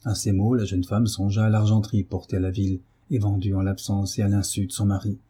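A man narrating a classic novel in a measured, low-key audiobook reading. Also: flat delivery, warm tone, husky. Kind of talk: scripted literary narration.

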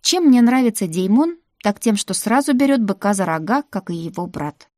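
A woman narrating a fantasy novel in the first person, with lively, wry storytelling. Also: medium pitch, normal speed, no echo, studio quality. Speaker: audiobook narrator.

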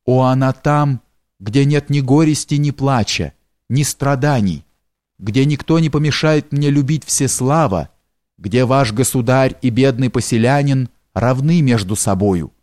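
A grieving young maiden from a storybook, as a male narrator reads her. Her lines come soft and trembling. The recording is dry and close. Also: medium pitch, a little slow, no echo, natural voice. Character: grieving young woman captive, tearful and pure.

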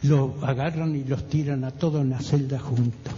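An older man with a Rioplatense accent giving a halting personal testimony as a radio guest, often repeating words and acting out other people's voices. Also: mid-range voice, fairly even intonation, mellow. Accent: Rioplatense Spanish. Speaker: witness guest. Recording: dull roomy radio recording with faint hiss.

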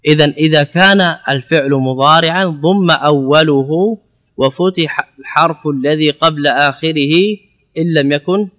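A man giving a classroom lecture on Arabic grammar, explaining step by step, asking and answering his own questions and repeating words slowly as a drill. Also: on the high side, sharp tone.

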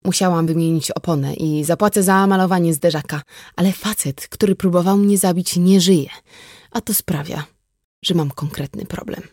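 A woman reading the part of a tough, composed young woman who speaks calmly and bluntly with a dry wit, in an audiobook. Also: lowish voice, normal speed, no echo, close to an everyday voice. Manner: calm, blunt, wry.

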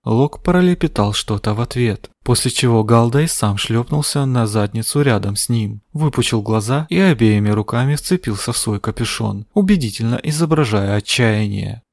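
A man narrating a fantasy novel as an audiobook in a measured storytelling manner. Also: medium pitch, animated, gravelly, darkish tone, dry recording. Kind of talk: scripted narration. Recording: dry close studio sound.

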